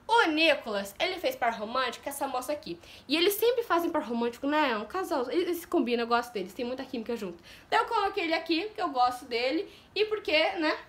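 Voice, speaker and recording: A Brazilian woman vlogging in her bedroom, chatting to her viewers quickly and excitedly. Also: high voice. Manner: fast-talking, chatty and excitable. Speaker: YouTuber. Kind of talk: casual chat to camera.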